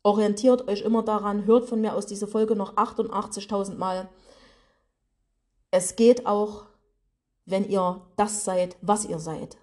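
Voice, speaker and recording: A woman's voice: mid-range voice, fairly even intonation, unhurried, darkish tone. A woman with a regional German dialect, a business and mindset coach giving a motivational podcast monologue from her office. She talks in a colloquial, direct way and speaks straight to her listeners.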